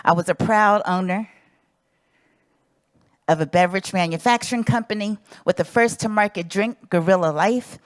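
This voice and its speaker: A woman's voice: mid-range voice, moderate pace, no echo. Earnest woman from South Central Los Angeles giving a speech. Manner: earnest, emphatic speech cadence. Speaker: invited speaker, advocate. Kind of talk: prepared speech.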